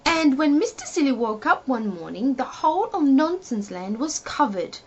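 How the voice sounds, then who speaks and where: Animated, high-voiced woman reading a storybook. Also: moderate pace, a little hiss or hum. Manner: animated, addresses the young listener with rhetorical questions. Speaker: storyteller reading a children's book. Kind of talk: expressive storybook narration. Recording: dull lo-fi home recording.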